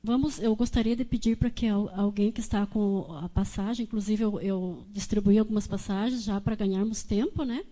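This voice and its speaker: A woman's voice: mid-range voice, steady tone, a little fast, few pauses, warm tone. A woman with a Brazilian Portuguese accent giving a conversational testimony in church, with many fillers and restarts. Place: church hall.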